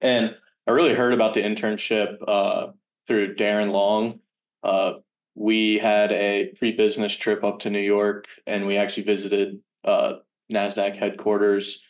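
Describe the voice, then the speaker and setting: Sounding a good way from the microphone, a man in his early twenties gives casual interview answers as a podcast guest. His voice is on the low side and very monotone. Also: measured pace. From Virginia, United States. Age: early 20s. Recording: distant from the microphone.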